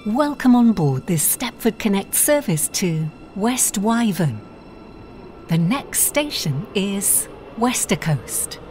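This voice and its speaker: A woman's recorded train announcement, her words spliced together piece by piece, delivered in a measured, evenly paced way. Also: mid-range voice, sing-song, a little mellow, faint music behind. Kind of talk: automated announcement.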